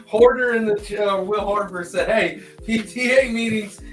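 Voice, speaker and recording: Man, high voice, rambling casual chat, roomy echo, faint music behind. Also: normal speed. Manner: laid-back, rambling storytelling. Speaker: co-host. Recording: distant echoey mic with faint music.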